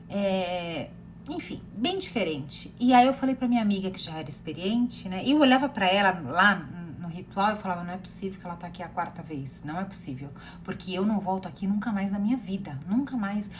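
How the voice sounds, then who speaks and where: A woman's voice: medium pitch, a little hiss or hum. Chatty Brazilian woman recounting experiences. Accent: Brazilian Portuguese. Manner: rambling, animated, many fillers and repetitions. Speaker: therapist sharing personal experience. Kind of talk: casual personal storytelling.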